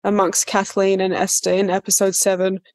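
A young woman in her mid-twenties chatting in an interview. She speaks loosely and warmly, circling back with fillers and restarts, and laughs easily between thoughts. Her voice sits at an ordinary middle pitch. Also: completely flat delivery, normal speed. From Australia. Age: 20s. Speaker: actor being interviewed. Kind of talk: casual interview chat.

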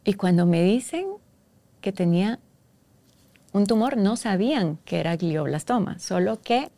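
A woman from Guatemala speaks as an interview guest, telling a painful personal story. Her voice is gravelly and dark, and she talks in a halting, emotional way, breaking off and restarting as she retells old conversations. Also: mid-range voice, lively intonation, no room sound.

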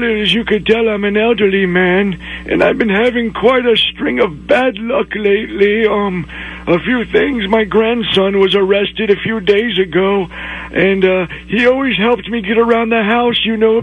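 Man putting on a high, fretful old man. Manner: rambling, plaintive, hesitant. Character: frail, fretful, down-on-his-luck elderly man. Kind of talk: prank phone call. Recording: muffled phone-call radio recording.

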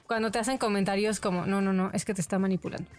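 A woman's voice: medium pitch, fairly even intonation, very fast, a little mellow, faint music behind. A woman with a Mexican accent, a podcast co-host making wry, ironic remarks in casual chat. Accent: Mexican Spanish.

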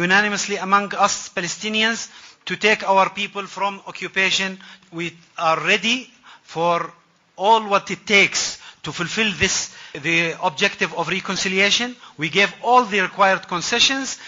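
A man interpreting live, delivering a political statement in halting phrases with self-corrections. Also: sits high, pushed and bright, lo-fi sound.

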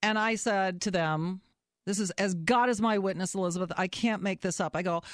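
Animated middle-aged woman telling stories. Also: medium pitch, normal speed, no room sound, studio quality. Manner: animated, self-mocking storyteller who acts out her own shouts. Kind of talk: casual storytelling chat.

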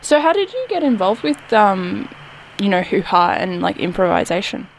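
A woman radio host asking questions in a relaxed, giggly way with lots of fillers. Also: mid-range voice, normal speed, a little hiss or hum, poor audio. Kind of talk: casual interview chat.

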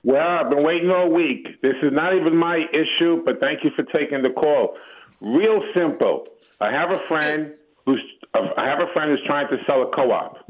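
A man calling in to a radio show, heard over the phone, slowly and carefully explaining a question. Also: on the high side. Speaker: caller. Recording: tinny phone line.

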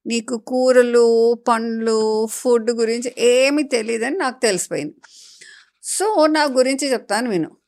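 A woman voicing a friendly, know-it-all talking eggplant in a children's story, lecturing in a lively, playful way. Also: fairly high pitch, unhurried. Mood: chatty, teaching.

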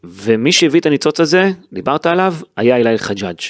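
A man talks through a football match in a loose, animated way. He breaks off and restarts his sentences often, his pitch sits in the middle, and the sound is dry and close to the mic. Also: no echo. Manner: animated, thinks aloud with fillers and restarts. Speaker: sports podcast host. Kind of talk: casual football analysis chat.

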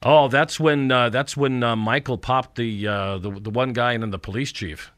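A man's voice: medium pitch, steady tone, fairly bright tone, no echo, clean studio sound. A man hosting a radio talk show, joking and laughing easily as he puts quiz questions to his guest. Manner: jokey, quick to laugh, quiz-style questions. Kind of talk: radio interview.

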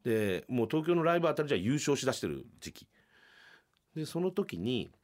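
A middle-aged man hosting a podcast from a small radio studio, telling a comedy story and acting out the people in it with loud, shouted bursts. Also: big pitch swings, a little fast. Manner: acts out quoted shouting with big pitch jumps. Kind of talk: animated storytelling.

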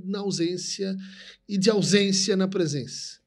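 A man's voice: high voice, a little slow. A man, co-hosting a conversation and explaining concepts in a lecturing way, often tagging sentences with a questioning "right?". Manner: lecturing, frequent "né?" tags.

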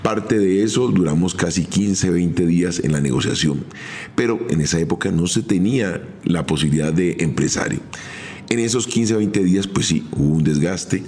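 A middle-aged man with a Colombian accent, a former footballer telling his own career story in a measured, step-by-step podcast monologue. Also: low voice, mellow, a little hiss or hum. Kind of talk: first-person podcast storytelling.

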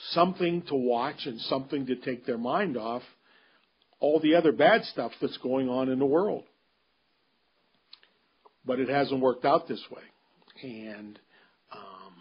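Slow, husky-voiced man musing on golf. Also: medium pitch, muffled recording. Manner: halting, many ums and restarts, measured. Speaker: golf commentator. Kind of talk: unscripted solo commentary.

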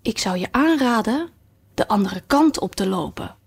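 A woman's voice: medium pitch, expressive, normal speed, creaky, slightly rough. A woman reading aloud voices a chatty, condescending talking rose in a storybook. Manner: patronizing, falsely kind.

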